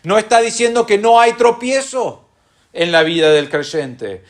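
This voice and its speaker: A pastor with an Argentine Spanish accent preaches a sermon, earnestly slowing down to stress key phrases and posing rhetorical questions to the congregation. His voice sits high with lively intonation.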